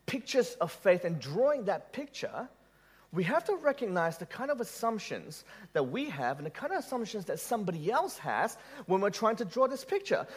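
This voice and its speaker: In a church hall, a man raised in Malaysia preaches in a fairly high, slightly rough voice whose pitch swings widely. His sermon feels conversational, not formal, as he jokes and quizzes the congregation.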